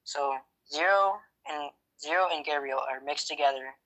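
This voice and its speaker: A man with a bright, forceful voice plays his character in a game roleplay. He speaks haltingly, stops and restarts often, and fills the gaps with little fillers. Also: fairly high pitch, low-quality recording. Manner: hesitant, halting, full of fillers. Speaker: roleplay player.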